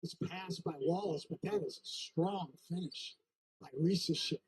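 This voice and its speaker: A man's voice: high-pitched, measured pace, slight background noise, rough recording. A man giving color analysis on a live basketball broadcast, explaining the tactics of the game.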